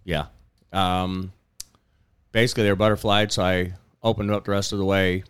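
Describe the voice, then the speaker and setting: Blunt, low-voiced male podcast co-host. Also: flat delivery, normal speed, fairly bright tone, clean tone, no room sound. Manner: blunt and profane, storytelling. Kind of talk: casual chat.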